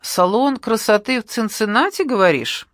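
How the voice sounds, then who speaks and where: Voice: mid-range voice, animated, normal speed, fairly bright tone, dry recording, pitched above the performer's own voice, natural voice. A narrator voicing a wry, ironic male detective. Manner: dry ironic questions.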